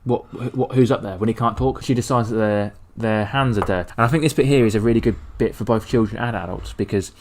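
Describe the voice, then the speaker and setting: A young man co-hosting a podcast, chatting quickly and sharing trivia about a film. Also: lowish voice, a little mellow, slight background noise. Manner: fast, chatty, shares trivia. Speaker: podcast co-host. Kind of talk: casual chat.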